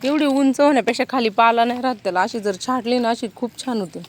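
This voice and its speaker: A woman's voice: fairly high pitch, fairly even intonation, fast talker, slight background noise. A woman chatting casually outdoors in a garden for a family vlog, soothing a crying baby with baby talk and imitating a dog's bark. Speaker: family vlogger and mother.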